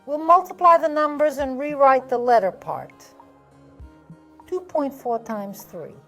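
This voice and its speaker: A woman's voice: high-pitched, lively intonation, a little slow, a bit bright, soft background music. A woman teaching a math lesson step by step, patient and methodical, often asking a question and then answering it herself.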